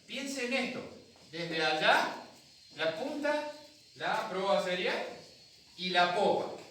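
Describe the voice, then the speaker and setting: Argentine pastor in an echoey church. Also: male voice, high voice, animated, takes it slowly, a bit bright, a little hiss or hum. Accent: Argentine Spanish. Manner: storytelling, acts out voices, talks with the congregation. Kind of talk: sermon. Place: church hall. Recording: echoey hall from a distant mic.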